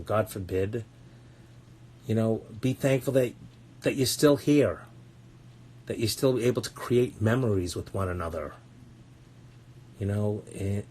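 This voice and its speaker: A man's voice: on the low side, darkish tone, slight background noise. A man talking as a parenting coach on a casual podcast, blunt and earnest, swearing often and repeating words as he searches for them.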